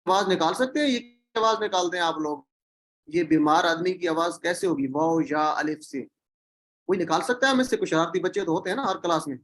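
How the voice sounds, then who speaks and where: A man teaches an online Quran class in a voice a little higher than most men's. He keeps asking the students questions. He repeats the key words so they stick. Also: fairly bright tone.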